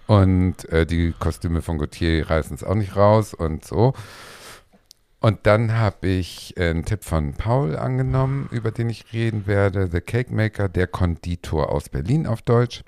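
A man with a low, warm voice and no audible room sound co-hosts a podcast in casual conversation. He rambles, corrects himself along the way, and laughs often.

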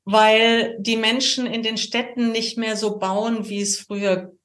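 A woman's voice: a little high, flat delivery, measured pace, a bit bright. A woman from Cologne with a Cologne accent, a cheerful guest explaining things in a podcast interview with many fillers. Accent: Cologne German. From Cologne, Germany. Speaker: geomancy guest. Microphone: camera set-up.

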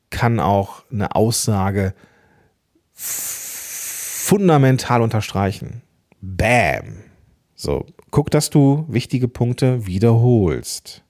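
A man hosting a solo podcast episode, giving tips in a casual, lively way, playing with emphasis and pauses. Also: medium pitch. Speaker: podcast host.

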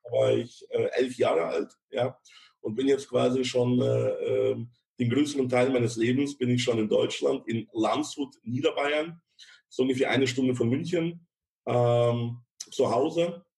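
A man in his thirties, born in Ukraine, talks casually as an interview guest. His mid-range voice has a gravelly edge, and he scatters fillers through his sentences, often closing a thought with a quick "ja.". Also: medium pitch, steady tone, a little mellow. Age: 30s. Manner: many fillers, chatty, ends phrases with "ja". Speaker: podcast guest, insurance broker.

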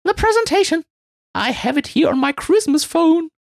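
Man playing a proud, excited young Christmas helper woman, very high, lively. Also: normal speed, no echo, studio quality.

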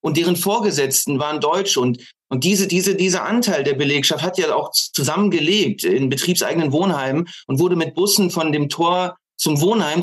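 Appearing on a podcast, this man offers analytical political commentary in a slightly high, fairly bright voice, choosing scholarly vocabulary with care and stopping hesitantly between thoughts.

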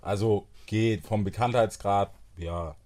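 Young guy interviewing his mates, lowish voice, slangy and chummy. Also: slow, darkish tone. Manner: slangy, buddy-like. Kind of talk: casual chat.

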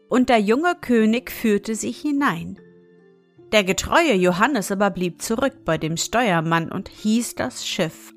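Langsam erzählende Märchenvorleserin. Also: female voice, mid-range voice. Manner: calm, deliberate storytelling. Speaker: storyteller. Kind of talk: reading a fairy tale aloud.

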